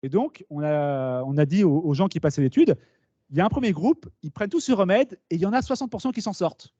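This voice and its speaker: A man giving a lively conference talk to students, explaining with asides and questions to the audience. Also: sits high, fast talker, dry recording. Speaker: speaker at a talk. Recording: dull, slightly lo-fi meeting recording.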